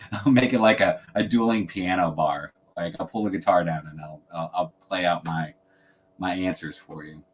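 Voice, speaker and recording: Man, livestream host, relaxed rambling chat, slightly low voice, laughs easily. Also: a little slow, long pauses, slight background noise. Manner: laid-back, rambling, laughs often. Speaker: fragrance channel host.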